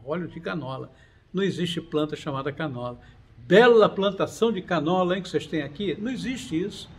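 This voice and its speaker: A man, talking casually to his viewers, animated and digressive, full of restarts and fillers. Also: fairly high pitch. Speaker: channel host. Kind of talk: casual talk to camera.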